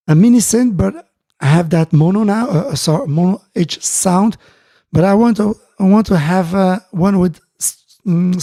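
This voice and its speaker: A gravelly, mellow-voiced man who sits high in pitch hosts a casual live stream from his home music studio. Dutch is his first language, and he speaks haltingly with frequent fillers and restarts as he welcomes people in the chat. The recording is dry.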